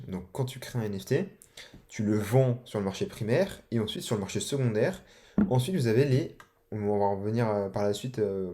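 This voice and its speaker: Young man, casual tutorial, slangy and filler-heavy, low mellow voice. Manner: colloquial, loose, many fillers and slang. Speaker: online course instructor.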